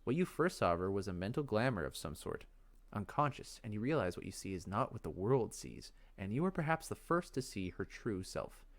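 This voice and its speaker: A let's play host reads fantasy game text aloud as dramatic narration. His fairly low voice moves at a measured pace, expressive like a storyteller.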